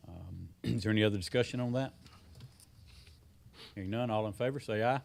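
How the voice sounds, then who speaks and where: Low-voiced man chairing a board meeting. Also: a little fast, gravelly, darkish tone. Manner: brief, agreeable, procedural.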